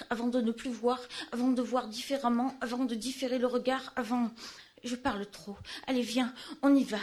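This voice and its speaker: A woman's voice: fairly high pitch, a little mellow. A woman giving an intense, theatrical spoken-word poetry performance.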